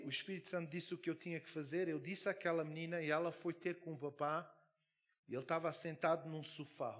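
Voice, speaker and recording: A man preaching a sermon. He tells a story fervently, with big swings in loudness. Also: a little high. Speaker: pastor.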